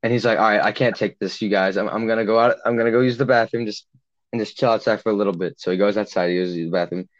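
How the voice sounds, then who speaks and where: A man's voice: lowish voice, steady tone, racing. Rambling young man, lo-fi recording. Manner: rambling, heavy use of "like", acts out quotes. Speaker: podcast co-host. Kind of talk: casual storytelling chat. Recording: dull lo-fi sound.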